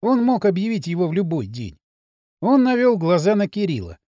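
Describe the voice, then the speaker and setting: Expressive high-voiced male audiobook narrator. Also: normal speed, no room sound, clean studio sound. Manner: expressive, storytelling delivery.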